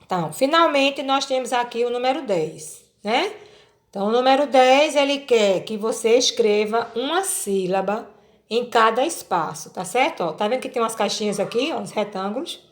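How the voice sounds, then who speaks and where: A woman teacher with a Brazilian Portuguese accent, patiently explaining a children's worksheet and sounding out syllables slowly. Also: fairly high pitch.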